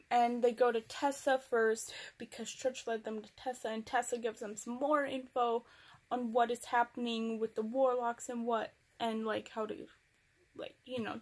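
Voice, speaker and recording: Chatty young woman recapping a book. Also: fairly high pitch. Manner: chatty, rambling, with sarcastic asides. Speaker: book reviewer. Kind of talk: casual book recap vlog.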